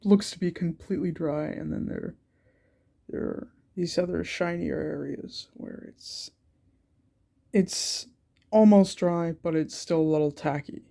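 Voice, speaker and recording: A young man who runs an art channel narrates a casual vlog while sketching, congested from a cold and hesitant, full of ums and restarts. His voice is fairly high and mellow, with vocal fry and a measured pace.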